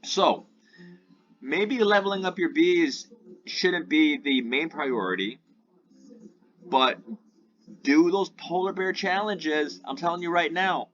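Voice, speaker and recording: A man's voice: on the high side, takes it slowly, pauses often, a bit bright. A man giving rambling gameplay commentary as a gaming YouTuber, often checking in with "right?". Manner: rambling, keeps asking "right?". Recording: dull lo-fi sound with faint music.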